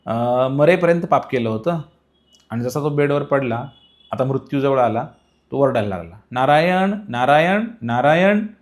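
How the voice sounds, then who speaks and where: A male preacher telling a devotional story to his listeners in a calm, explaining tone. His voice sits at an ordinary middle pitch. He lifts it higher and louder when he stresses a point. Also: moderate pace. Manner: explains patiently, rising in pitch and volume for emphasis.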